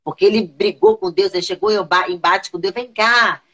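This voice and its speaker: A woman hosts a relaxed chat in an ordinary mid-range voice. She talks earnestly and uses plenty of slang. She often acts out her own inner voice. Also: medium pitch, fairly quick, muffled recording. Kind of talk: casual chat.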